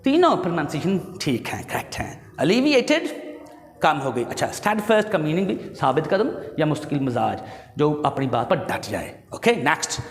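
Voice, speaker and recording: A male teacher with a Pakistani accent drills English vocabulary. He reads each word slowly and then gives its meaning, and he corrects pronunciation as he goes. His voice sits fairly high and swings a lot in pitch, with a long echo around the room. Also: sing-song. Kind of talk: vocabulary lecture to students.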